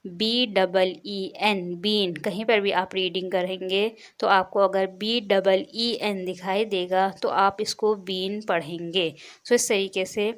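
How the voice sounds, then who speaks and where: Female teacher, patient, spells letters out slowly, repeats every word, mid-pitched voice. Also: fairly even intonation. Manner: slow, deliberate spelling out of letters; patient, repeats each word several times. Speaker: English reading teacher. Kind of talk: step-by-step spoken lesson.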